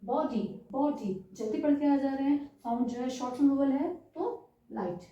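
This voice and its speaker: A woman teaching stenography in a slow, step-by-step lesson, stretching out vowel sounds to demonstrate them. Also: high voice, animated, mellow. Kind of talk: slow step-by-step lesson, mixing English terms. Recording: roomy, distant, muffled sound.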